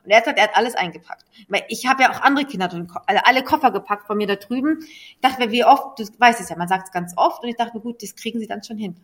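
Fast-talking chatty woman. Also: fairly high pitch. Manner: rapid, animated storytelling. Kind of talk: casual chat.

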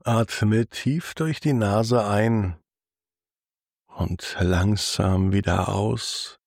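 A man narrating a guided sleep meditation as host, in a soothing, hushed manner with long pauses. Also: lowish voice, fairly even intonation, creaky, dry recording, studio quality.

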